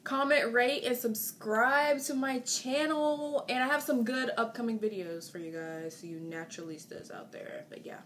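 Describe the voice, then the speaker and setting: A woman's voice: on the high side, normal speed, few pauses, a bit bright. A woman in her twenties chatting casually with her partner for her vlog, rambling with lots of fillers. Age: 20s. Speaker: vlogger. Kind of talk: casual chat. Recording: noisy home video.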